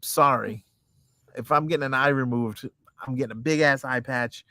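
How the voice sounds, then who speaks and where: A man's voice: medium pitch, normal speed, pushed and bright, dry recording. A man co-hosting a casual podcast, joking and often restarting his sentences. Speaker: podcast co-host. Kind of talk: casual chat.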